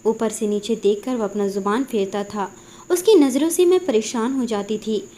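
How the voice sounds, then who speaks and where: A woman's voice: fairly high pitch, normal speed, warm tone, a little hiss or hum. A woman narrating an emotional first-person Hindi story in an earnest, dramatic way.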